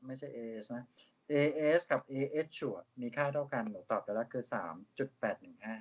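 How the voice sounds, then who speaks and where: Chatty lecturer. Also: male voice, mid-range voice, expressive, moderate pace, slightly rough, muffled recording. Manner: chatty, teasing, calls students "ลูก". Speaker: university lecturer. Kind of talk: live class teaching.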